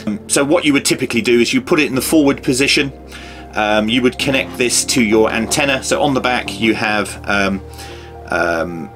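A British man in his fifties gives an informal, unscripted how-to demonstration for a radio how-to video, sounding hesitant. His mid-range voice has a fairly bright tone, and he is in a small home office or workshop room.

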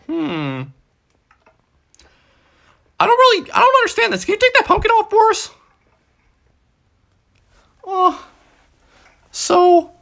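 A woman's voice: extremely high pitch, huge pitch swings, takes it slowly, gravelly, pauses often, a bit bright, exaggerated voice. A woman voicing a jumpy, chatty cartoon devil boy in a Minecraft let's play role-play, easily startled. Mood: puzzled.

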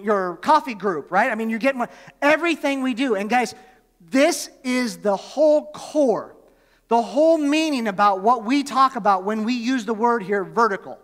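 High-voiced pastor in a reverberant hall. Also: male voice, a bit bright. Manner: conversational, asks the congregation questions. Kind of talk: sermon. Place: church.

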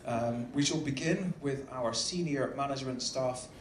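A man's voice: medium pitch, normal speed, crowd noise. A man with dry, teasing humour introducing people as a captain on stage, speaking to an audience. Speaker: ship's captain hosting staff introductions. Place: theatre stage on a cruise ship. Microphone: handheld PA mic, filmed from the seats. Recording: echoey theatre, noisy phone recording from audience.

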